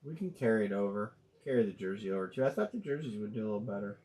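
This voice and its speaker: Low-voiced man rambling on a live stream. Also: sing-song, racing, dark tone. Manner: rambling, thinking aloud with many fillers and restarts; plainspoken and blunt, uses slang. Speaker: host of a live sports card break stream. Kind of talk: casual live-stream chat.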